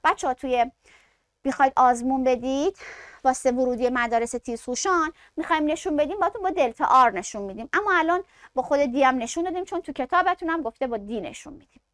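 A woman gives a classroom science lecture in a fairly high voice. She asks questions, answers them herself, and calls her students by fond names. The recording is close and dry with no room sound. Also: lively intonation, a bit bright, no echo. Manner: addresses students affectionately. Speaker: science teacher.

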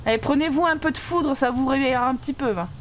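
A woman with a high voice narrates her game at home into a desk mic. She talks playfully and lively, slipping into her characters' lines as she plays. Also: fast talker, a little hiss or hum. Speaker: gaming YouTuber. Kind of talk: Let's Play commentary.

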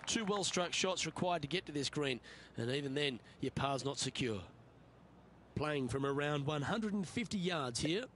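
An actor playing a composed male golf broadcaster, giving measured, scripted play-by-play for a video game. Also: a little high, lively intonation, fairly bright tone, a little hiss or hum. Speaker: golf commentator. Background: game music.

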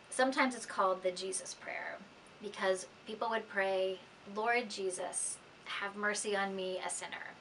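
A middle-aged woman giving gentle spoken instruction in a measured way, her phrases trailing off softer. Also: mid-range voice, rough recording. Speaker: prayer practice teacher. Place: small indoor room, seated. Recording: faint steady room noise.

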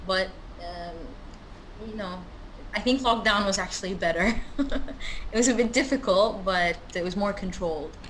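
A woman's voice: medium pitch, measured pace, fairly bright tone, a little hiss or hum, rough recording. A woman with a British accent, chatting on a video call, hesitant and full of fillers. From grew up in the UK. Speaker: webinar participant, college teacher. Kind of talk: casual video-call chat.

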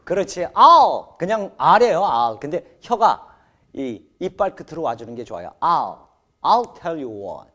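A man hosting a televised English lesson, energetic and exclamatory, drilling phrases in Korean and English. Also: fairly high pitch, takes it slowly. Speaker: host of an English lesson show. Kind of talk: animated TV lesson presenting.

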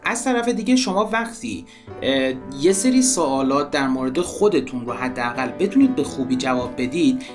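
Man, English teacher, quick explanations, slow clear example sentences, faint music behind. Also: mid-range voice. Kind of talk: language lesson narration.

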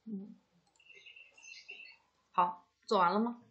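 A woman's voice: medium pitch, fairly even intonation, extremely slow, breathy edge, dull audio. A woman teaching a Chinese language class over a video call, encouraging students and slipping English words into her prompts.

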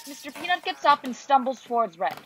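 Slightly high-voiced woman narrator. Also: sing-song, fairly quick, background noise. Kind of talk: scripted stage-direction narration.

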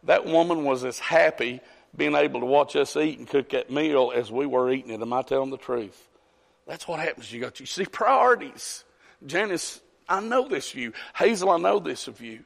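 Creaky and medium-pitched, this pastor speaks at a moderate pace through a folksy storytelling sermon, addressing congregants by name. The church sanctuary gives the sound a long, echoing reverb.

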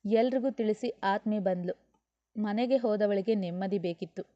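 Woman narrating a novel, mellow tone. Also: medium pitch, normal speed, no room sound. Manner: steady storytelling that voices every character. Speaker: audiobook narrator. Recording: dull lo-fi dry recording.

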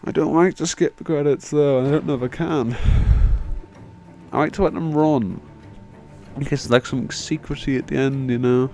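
A young let's player rambles casually over game footage, swearing and poking fun at himself in a medium-pitched, steady, slightly mellow voice at normal speed. He sounds tired from long talking, recorded as a microphone voice-over while end-credits music plays behind him.

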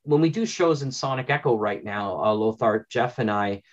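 In an enthusiastic, casual interview, a Canadian audio drama producer rambles effusively, his medium-pitched voice animated at a normal pace. He sits in a small home room with bookshelves, indoors, and the video-call sound is dull and lo-fi.

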